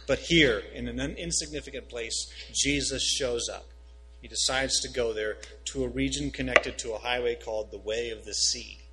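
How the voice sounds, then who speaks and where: A man's voice: normal speed, noisy background. Emphatic man preaching. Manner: emphatic preacher, rising pitch and volume on key phrases. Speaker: pastor. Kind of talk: sermon with scripture reading.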